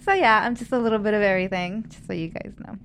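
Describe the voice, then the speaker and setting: A woman from El Salvador, a guest in a casual chat, talking hesitantly with many pauses. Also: medium pitch, a bit bright, a little hiss or hum.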